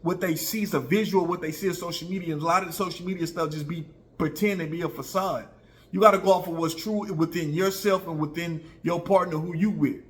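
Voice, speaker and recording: An American online video commentator in his early forties shares casual opinions with viewers in a fairly high, brisk voice with fairly even intonation. He's conversational, repeats himself for emphasis, and often checks in with his audience.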